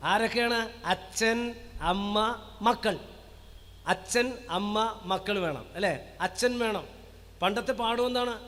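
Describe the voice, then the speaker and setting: A priest preaches in a high, carrying voice that rings through a church hall's long reverb. He fires rhetorical questions at the congregation and draws out key words slowly so they will repeat them. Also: fairly bright tone. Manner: rhetorical questions with call-and-response; slow emphatic listing of words. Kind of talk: parish sermon to a live congregation.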